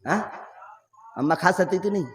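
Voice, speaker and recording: A man's voice: sits high, normal speed. A man with a Bhojpuri-influenced Hindi accent preaching an emotional sermon at a mosque gathering, telling stories and asking the crowd questions. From eastern Uttar Pradesh, India. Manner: emotional storytelling, asks the audience questions. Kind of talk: religious sermon at a public gathering. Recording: reverberant hall through a PA.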